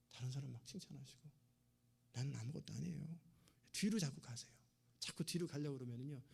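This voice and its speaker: Gravelly-voiced man preaching conversationally. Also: mid-range voice, dark tone. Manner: conversational preaching, acting out little dialogues. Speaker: pastor. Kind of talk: sermon.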